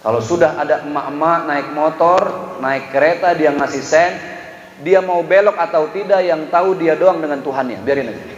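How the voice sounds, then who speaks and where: Male preacher with a fairly high voice, joking storyteller who mimics couples, captured in a reverberant hall. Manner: storytelling, acts out husband and wife voices. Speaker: Islamic preacher. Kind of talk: humorous sermon. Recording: echoey dull hall recording.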